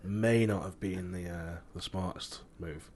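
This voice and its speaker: A man with a husky, rough-edged voice in casual chat. He tells anecdotes informally, quoting people as he goes. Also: deep voice, fairly even intonation, measured pace, a little mellow.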